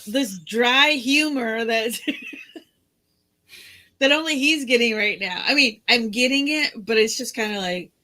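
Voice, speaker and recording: A woman's voice: fairly high pitch, huge pitch swings, slow, pushed and bright. A woman co-hosting a casual podcast, amused and giggling at her partner's jokes. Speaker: co-host.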